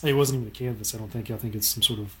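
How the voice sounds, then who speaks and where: A man's voice: medium pitch, fairly even intonation, very fast. A man in casual conversation, recalling things in a rambling, unsure way with many fillers.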